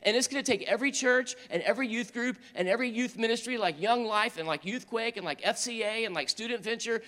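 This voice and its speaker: A man preaching to teenagers in an earnest storytelling manner, rising to urgent appeals and dropping to quiet, tender moments. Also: extremely high pitch, quick pace. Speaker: youth pastor. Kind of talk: sermon to teenagers. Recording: long hall reverb.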